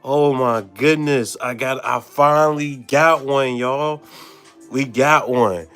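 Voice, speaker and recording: A young man hosting a card-opening vlog, excited, exclaiming and stammering over his pulls. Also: mid-range voice, slow, clean tone, soft background music. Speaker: card-opening channel host.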